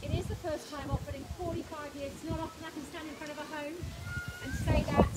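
A woman in her thirties calling a live house auction outdoors with upbeat, persuasive patter, often repeating the current bid. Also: high voice. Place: outdoors on a suburban street in front of a house. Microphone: far camera. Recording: loud street noise, distant camera audio.

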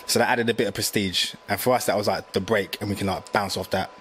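Fast-talking man. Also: lowish voice, slight background noise. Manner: slangy, animated, lots of fillers. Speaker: graphic designer guest. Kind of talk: casual storytelling chat.

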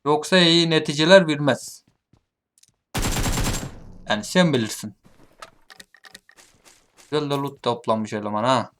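A man giving gameplay commentary, taunting his opponents, muttering at some moments and shouting at others. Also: a little high, unhurried, long pauses, a little hiss or hum. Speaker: gaming streamer. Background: game gunfire.

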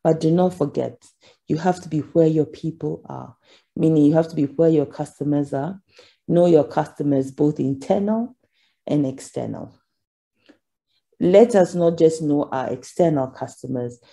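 Give me a woman giving an earnest business keynote, with a dark, mellow tone. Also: sits low, moderate pace, creaky. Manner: earnest, asks for next slide, frequent ums. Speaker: keynote speaker. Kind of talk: conference keynote talk.

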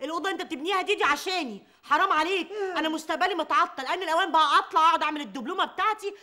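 A woman's voice: very high-pitched, racing, bright, forceful tone. An actress playing a sarcastic, mocking young woman with an Egyptian Arabic accent in a sitcom.

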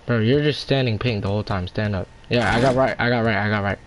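A man's voice: lowish voice, fast. Slangy frat-bro young man, noisy game chat. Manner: exasperated, bossy callouts to teammates. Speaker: online basketball gamer. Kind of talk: casual in-game team chat.

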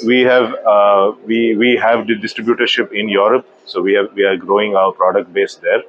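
Deep-voiced man at a trade-show booth. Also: level tone, a bit bright, lo-fi sound, soft background music. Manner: measured, hesitant with frequent fillers. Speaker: company managing director. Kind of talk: trade-show business interview. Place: indoor exhibition booth.

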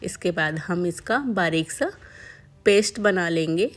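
A woman calmly narrating a home cooking tutorial step by step as a voice-over. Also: on the low side, unhurried. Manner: calm step-by-step explaining. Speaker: cooking channel host.

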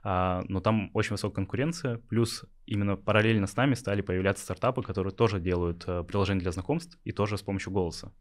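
He's a young adult from Yakutia, Russia, who founded a startup, and he answers interview questions haltingly, full of filler sounds. His deep voice moves fast, with hardly any pauses.

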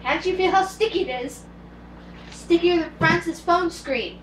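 A woman's voice: very high voice, a little slow, roomy sound, background noise. A woman playing a bossy, prim young Englishman in an amateur cosplay comedy skit, giving orders in a dry way, filmed by a far camera in a home kitchen.

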